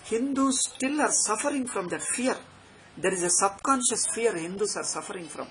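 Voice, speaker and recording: A man's voice: high voice, lively intonation, moderate pace, a bit bright, poor audio. A man with a South Indian accent giving an extempore spiritual discourse, exhorting emphatically and repeating his points with short tag questions. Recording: background noise.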